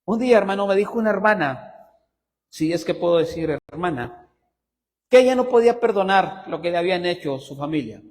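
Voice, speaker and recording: A male pastor delivers a sermon in a high, lively voice, pitch leaping up on his questions to the congregation. His words ring out with a long church reverb around them. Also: a little fast. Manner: preaching with rising emphasis and frequent asides to the congregation; lively pitch swings, teasing humor. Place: church sanctuary.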